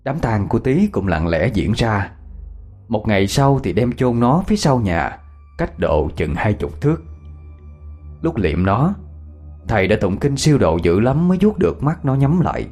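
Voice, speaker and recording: Guy telling a ghost story, husky voice, soft music under it. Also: lowish voice. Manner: expressive storytelling. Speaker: narrator. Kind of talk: scripted ghost story narration.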